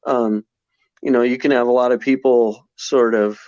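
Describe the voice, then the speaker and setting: A man's voice: mid-range voice, steady tone, normal speed, darkish tone, dry recording. A man in his forties, a podcast guest in casual conversation, talking reflectively with many restarts and fillers. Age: 40s. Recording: slightly dull podcast audio.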